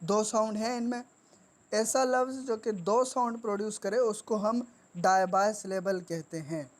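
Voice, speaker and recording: A woman teaching grammar. She speaks deliberately and repeats each word for dictation. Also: medium pitch. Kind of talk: classroom lesson.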